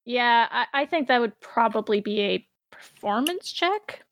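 A woman running a tabletop fantasy game as game master, narrating scenes in a measured, dramatic way. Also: a little high, animated, no echo.

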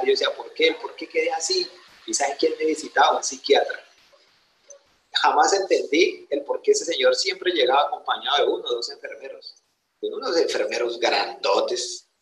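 A man's voice: medium pitch, a bit bright, a little hiss or hum. Young man, Colombian accent, motivational testimony, emphatic rhetorical questions, echoey hall. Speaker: motivational speaker. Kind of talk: motivational personal testimony to an audience. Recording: roomy echoing venue.

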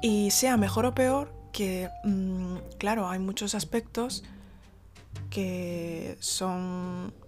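A woman's voice: mid-range voice, very slow, darkish tone, faint music behind. Chatty woman rambling. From Spain. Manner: chatty, rambling with many fillers and restarts. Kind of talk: casual storytelling.

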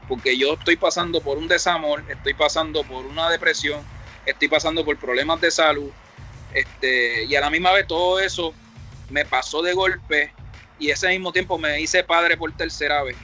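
Reflective Puerto Rican rapper, bright voice. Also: male voice, on the high side. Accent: Puerto Rican Spanish. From Puerto Rico. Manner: rambling, reflective, acts out quoted dialogue. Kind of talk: casual interview storytelling.

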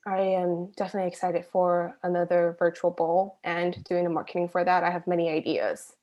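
A young woman from Shanghai, a university student appearing as an interview guest, chats casually and shares personal anecdotes. She's giggly and keeps saying "like." Her voice is fairly low and level, a little fast, with a lo-fi sound.

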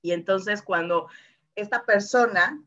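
Speaking at medium pitch and a little slowly, her bright, pushed voice comes through lo-fi sound. The presenter informally explains personality colors, chatting with lots of fillers and tag questions while performing quoted voices as asides.

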